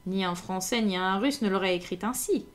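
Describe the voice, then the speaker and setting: A woman's voice: mid-range voice, fairly quick, lightly acted. Self-assured male detective, dry ironic delivery, storybook reading, woman reading.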